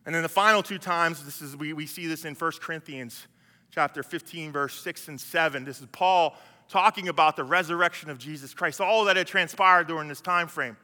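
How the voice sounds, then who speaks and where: A man preaching a conversational sermon in a church, with a high voice and a very bright, forceful tone. He retells the scenes of scripture in an easy, chatty way and often restarts his phrases. The sound rings with a long reverb from the hall. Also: a little fast. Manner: conversational, acts out biblical scenes, many restarts. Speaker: pastor.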